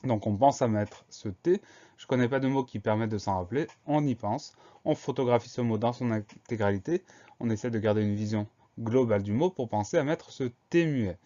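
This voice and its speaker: A man with a dark, medium-pitched voice moves a little fast through a spelling lesson for young students, patiently breaking each word into letters and repeating it. It's a flat, lo-fi recording.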